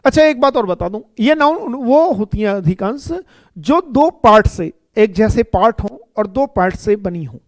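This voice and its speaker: A man's voice: sits high, animated, no echo. A man teaching an English grammar class, explaining step by step, repeating himself and checking in with his students. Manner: explains slowly and repeats, often checking with "ठीक है" and "है ना". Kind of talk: classroom lecture.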